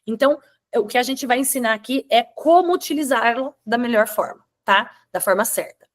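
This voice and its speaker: A woman's voice: on the high side, moderate pace. A woman hosting an online webinar, explaining step by step and checking in with her listeners. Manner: explanatory, with frequent "tá?" check-ins and restarts. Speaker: webinar host.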